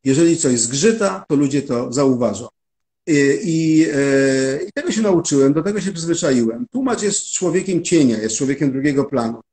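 A man with a somewhat high voice gives long interview answers. He explains his working process step by step, in a careful and methodical way. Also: lively intonation, moderate pace, warm tone. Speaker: interview guest, musical translator.

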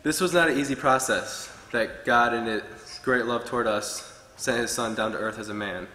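A man's voice: mid-range voice, moderate pace, bright, forceful tone, slight background noise. A young man preaching a short sermon from a pulpit, earnestly reading from his notes. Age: young adult. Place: church hall with wood-paneled walls. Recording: echoey hall with long reverb.

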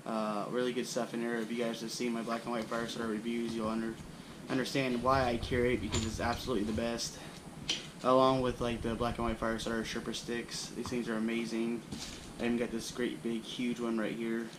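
A man's voice: mid-range voice, a little fast, background noise. A young man casually showing his camping gear, rambling with lots of fillers, recorded indoors on the camera mic. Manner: relaxed, rambling with frequent fillers. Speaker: bushcraft channel host. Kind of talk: casual gear show-and-tell. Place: indoors at a wooden floor, small room.

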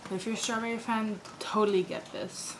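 A woman's voice: mid-range voice, fairly even intonation, a little fast. A woman in a casual taste-test vlog, chatting and rambling with her hand over her mouth. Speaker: vlogger doing a taste test. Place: home kitchen. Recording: noisy home recording.

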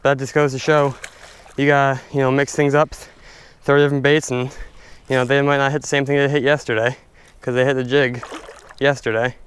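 A young man casually narrating his fishing from a stand-up paddleboard on a lake, chatty and excitable, talking to his viewers. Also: medium pitch, brisk, pauses often, clear, resonant tone, no echo. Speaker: fishing vlogger. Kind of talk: casual outdoor commentary. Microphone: head-mounted action camera.

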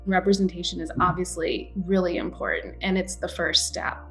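A woman's voice: lowish voice, level tone, normal speed, fairly bright tone, soft background music. Earnest woman talking to a webcam. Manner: earnest, conversational, with small restarts. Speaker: interviewee. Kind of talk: reflective interview. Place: home room indoors.

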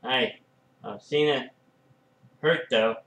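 Casual male fan commentator, slow and halting, excitable bursts, slightly high voice, echoey room. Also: highs cut off. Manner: excitable, frequent "oh" and "uh" fillers. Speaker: fan commentating a wrestling match.

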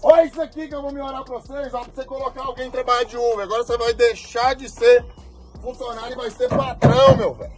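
Brief: excited male promoter, very high pushy voice, loud music behind. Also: fast. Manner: excited, shouting promo patter. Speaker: raffle promoter. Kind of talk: hyped sales pitch.

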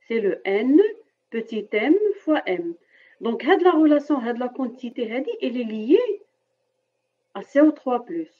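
A woman teacher with a Moroccan French accent, lecturing a chemistry class over a video call and explaining step by step while often checking that students follow. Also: fairly high pitch. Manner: explains step by step and keeps asking "d'accord?". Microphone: computer mic on a video call. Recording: dull lo-fi video-call audio.

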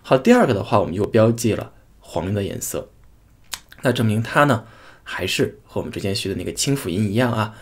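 A man teaching a pronunciation lesson, saying each sound twice in slow, drawn-out demonstrations. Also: lowish voice, very animated. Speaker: language teacher.

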